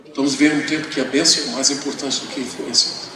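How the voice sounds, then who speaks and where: A man interpreting a sermon for a visiting preacher, preaching with passion and moving between shouted emphasis and hushed asides. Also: mid-range voice, steady tone, racing, background noise. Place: large auditorium. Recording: echoey hall, voice from a distance.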